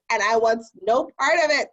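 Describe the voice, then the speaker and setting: A woman's voice: on the high side, fairly bright tone. A tipsy woman host rambling through a casual rant, playfully mimicking the way other people talk. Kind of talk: casual ranting chat. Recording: dull lo-fi audio.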